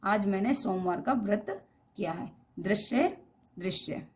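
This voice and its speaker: A woman's voice: medium pitch, animated, unhurried. Woman teacher quizzing on word spellings. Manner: reads each word twice, wrong then correct, with quizzing questions; addresses students as beta. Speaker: Hindi grammar teacher. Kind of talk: classroom lesson on spelling errors.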